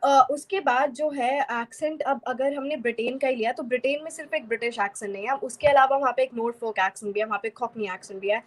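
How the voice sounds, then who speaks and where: Speaking fast with hardly a pause, this young Haryanvi woman from India has a somewhat high voice. She's relaxed in an interview setting, explaining with fluency while mixing many English terms into her speech.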